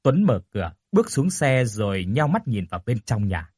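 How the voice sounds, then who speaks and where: A man's voice: mid-range voice, big pitch swings, normal speed, a little mellow, husky, no echo, clean studio sound. A man narrating a horror story expressively, rising on tense moments. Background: faint music.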